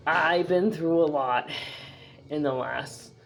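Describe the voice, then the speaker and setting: A woman's voice: sits low, slow pace, creaky. A woman from the northeastern US talking casually to her camera in a chatty, rambling way, full of fillers and restarts. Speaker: vlogger.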